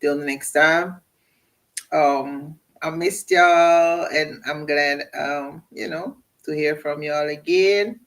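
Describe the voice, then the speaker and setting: Slow-talking relaxed man hosting a livestream. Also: a little high, rough recording. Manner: relaxed, rambling, laughing often. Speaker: livestream host. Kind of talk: casual livestream chat with shout-outs.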